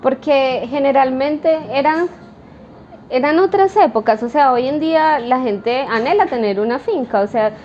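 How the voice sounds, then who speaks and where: A woman's voice: high-pitched, lively intonation, normal speed, darkish tone. Woman explaining, lo-fi sound. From Colombia. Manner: explanatory, frequent fillers and tag questions. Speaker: coffee roaster, interview guest. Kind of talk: conversational interview answers. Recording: dull lo-fi with light noise.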